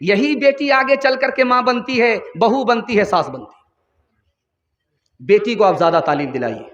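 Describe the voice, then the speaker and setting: A man preaching an impassioned sermon at a religious gathering, his voice rising to shouts at its peaks. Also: very high voice, lively intonation. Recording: dull reverberant public-address recording.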